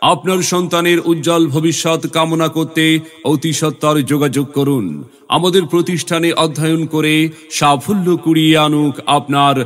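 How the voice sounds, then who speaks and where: A man delivers a scripted promotional announcement in a formal, measured way. His voice sits a little high and stays on a very even pitch, pressing each phrase with emphasis. Light music plays behind him. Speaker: announcer for a school admission advert.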